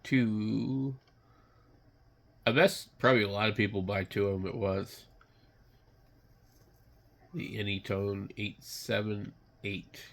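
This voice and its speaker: Man, low-pitched, very creaky voice, under the weather, halting casual commentary, blunt. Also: little pitch movement. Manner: muttering, unscripted, halting, blunt. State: sick, occasional coughing and throat clearing. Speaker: radio hobbyist vlogger. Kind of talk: casual rambling commentary while browsing online.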